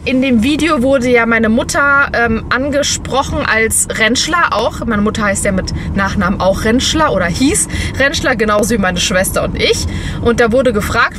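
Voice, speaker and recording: A young woman from Germany chatting casually to her viewers from a parked car at night, with lots of fillers and restarts. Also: fairly high pitch. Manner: chatty, many fillers and restarts, laughs often. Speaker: vlogger. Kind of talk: casual vlog chat. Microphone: camera on dashboard. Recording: noisy car interior.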